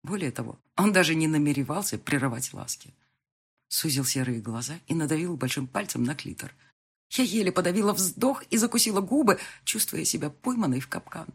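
A woman narrating a first-person romance audiobook expressively, jumping to high, loud lines in the dialogue. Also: lively intonation, a little fast, breathy edge.

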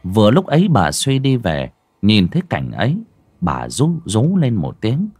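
A man's voice: on the low side, huge pitch swings, unhurried, darkish tone, slightly rough, dry recording. A man narrating an audio horror story in a dramatic, lurid storytelling manner.

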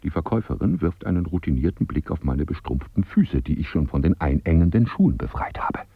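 A man's voice: animated, fairly quick, creaky, husky, no room sound, phone-quality sound, full character voice. An actor playing a self-conscious man who narrates his unease with his own body, in a radio drama. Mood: brooding. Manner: brooding inner monologue, bursts into shrill rage. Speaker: first-person narrator of a radio play.

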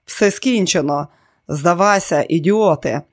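An audiobook reader voicing a determined man who shouts urgently at an attacker, in the reader's own voice. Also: medium pitch, a little slow. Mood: angry. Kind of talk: audiobook character reading.

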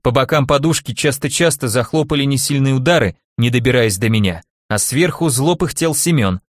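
A man's voice: mid-range voice, fairly quick, no room sound, clean studio sound. Wry male audiobook narrator. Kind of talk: first-person audiobook narration.

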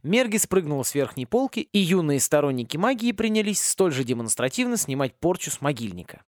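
Lively male audiobook narrator. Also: on the high side, brisk, dry recording, studio quality. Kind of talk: scripted narration.

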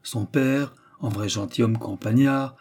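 Warm, husky male audiobook reader. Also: medium pitch, measured pace. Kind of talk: scripted narration of a novel.

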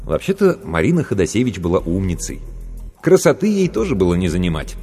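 Male story narrator, husky, lively delivery, long reverb and faint music. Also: low-pitched, fairly quick. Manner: expressive storytelling. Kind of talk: audiobook narration.

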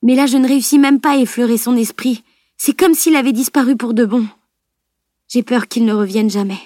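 A woman's voice: on the high side, fairly quick, warm tone, no room sound, studio quality, pitched above the performer's own voice, close to an everyday voice. A woman reading an audiobook, voicing an impulsive, emotional teenage girl in a raised, urgent voice. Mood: worried.

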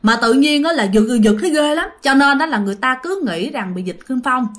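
A woman's voice: high voice, expressive, fairly quick, fairly bright tone. A young woman telling a ghost story in a casual, chatty way, often speaking straight to her listeners. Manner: chatty, addresses listeners directly.

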